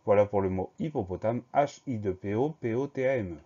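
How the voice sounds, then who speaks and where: A man teaching a spelling dictation lesson, going slowly and carefully and spelling each word letter by letter. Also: fairly low pitch, mellow, muffled recording.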